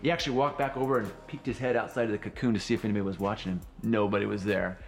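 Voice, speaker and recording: A man's voice: on the low side, steady tone, rapid-fire, gravelly. Casual man telling an improvised story. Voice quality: rambling, casual, with filler words. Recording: roomy echo, faint music.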